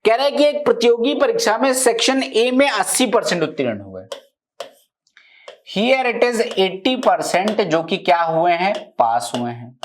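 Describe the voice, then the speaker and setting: A man's voice: sits high, expressive, a little slow. A male maths teacher giving a live class, explaining each step and often checking that his students follow.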